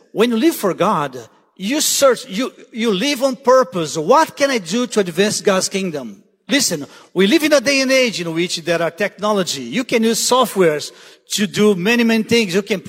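High-voiced guest preacher, hall reverb. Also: male voice, lively intonation, normal speed, a bit bright. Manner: urgent, repeats "listen" to drive points home. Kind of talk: sermon. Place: church sanctuary. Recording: long church hall reverb.

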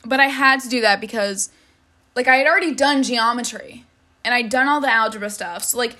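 A woman's voice: on the high side, a little fast, pushed and bright. A teenage girl venting about school in a casual vlog, exasperated, swearing and saying "like" constantly. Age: teens. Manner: exasperated, swears a lot, many likes. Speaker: high school student.

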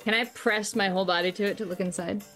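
A woman's voice: medium pitch, fairly even intonation, quick pace, fairly bright tone, faint music behind. Woman playing a tabletop game, casual. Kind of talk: casual improvised game chat.

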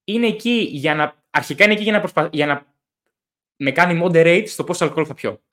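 A young man hosting a casual podcast, talking in an animated way, swearing and acting out stories about drinking. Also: on the high side. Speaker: podcast host.

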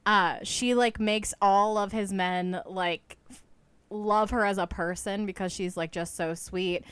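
A woman's voice: mid-range voice, steady tone, measured pace, a bit bright, clean tone. A woman hosting a podcast, chatting casually about books and using many "like" fillers. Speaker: podcast host. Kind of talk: casual book chat.

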